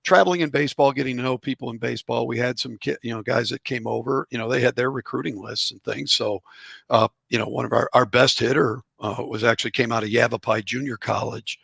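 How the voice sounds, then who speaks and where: A man's voice: mid-range voice, fairly even intonation, fast, creaky, fairly bright tone, husky, no echo. A middle-aged man, a former college ballplayer and author, telling chatty, rambling anecdotes as a podcast guest. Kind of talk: relaxed storytelling in a podcast interview.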